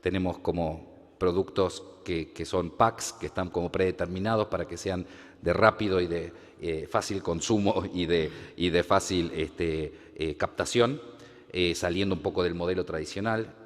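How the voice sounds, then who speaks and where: Panelist, male, very deep voice, hesitant, in a reverberant hall. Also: steady tone, normal speed. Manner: hesitant, frequent fillers. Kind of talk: panel discussion. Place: conference hall.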